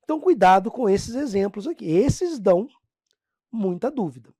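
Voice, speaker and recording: A Brazilian woman teaching a grammar lesson, talking straight to her class and drawing out example words slowly. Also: medium pitch, husky, dry recording, studio quality. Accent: Brazilian Portuguese. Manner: lively, talks to the class as "pessoal", drags out example words slowly. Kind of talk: classroom lesson explaining phonetics.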